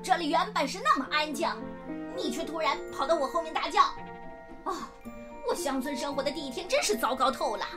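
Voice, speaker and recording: A stern, scolding policeman from a children's storybook, as a woman puts him on. The voice sits high and bossy, snapping out orders. Soft music plays behind. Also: lively intonation, fairly quick. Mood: angry. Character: gruff adult male policeman and other men.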